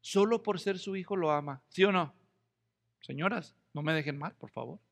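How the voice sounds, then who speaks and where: A man preaches a lively, joking sermon and keeps pulling his congregation in with questions. His voice sits high for a man, and it trails off into a long church reverb. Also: normal speed, creaky. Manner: humorous, acts out quoted voices, asks the congregation questions. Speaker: pastor. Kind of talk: expository sermon.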